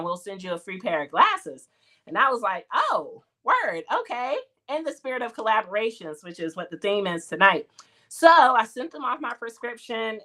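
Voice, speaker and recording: Medium-pitched and fairly bright, this livestream host in her 40s chats casually with her viewers. She's talkative, laughs a lot, and drops Southern-flavored slang like "y'all."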